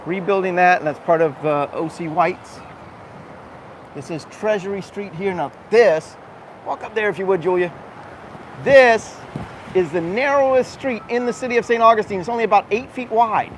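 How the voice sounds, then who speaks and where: Higher-voiced man guiding outdoors amid street noise. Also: moderate pace. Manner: conversational, explanatory, pointing things out. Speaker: tour guide and live-stream host. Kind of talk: walking live vlog commentary. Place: outdoors, walking through town streets. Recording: noisy outdoor street recording with urban ambience.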